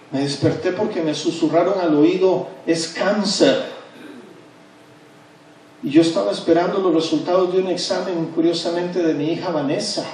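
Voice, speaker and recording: A high-voiced male pastor preaches with emphatic repetition, drawing out his key words. The sound rings through a very echoey church hall, picked up from far off with faint noise behind. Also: mellow. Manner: emphatic and repetitive, with drawn-out stresses. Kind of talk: sermon. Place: church sanctuary.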